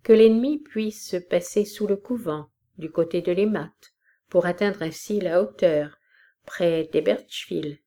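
A woman's voice: fairly low pitch, unhurried, dark tone. A woman voicing a careful male captain asking for advice on the enemy's route. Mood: wary.

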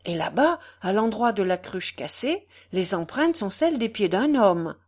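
A woman's voice: medium pitch, big pitch swings, measured pace, breathy edge. A woman reading aloud, voicing a grown male gamekeeper who speaks with urgency. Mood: urgent. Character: grown male estate gamekeeper, alert and anxious.

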